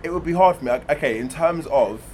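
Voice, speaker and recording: A man's voice: a little high, fast, darkish tone, a little hiss or hum. A man interviewing someone casually, chatty and affirming, often echoing what he hears. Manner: chatty, affirming, echoes the guest's words. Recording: busy crowd chatter behind.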